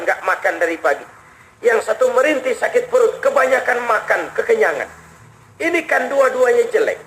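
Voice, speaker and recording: A man preaching a storytelling sermon, acting out the people in his story voices that swing from high wails to low murmurs. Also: fairly bright tone, rough recording. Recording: faint background noise, old radio recording.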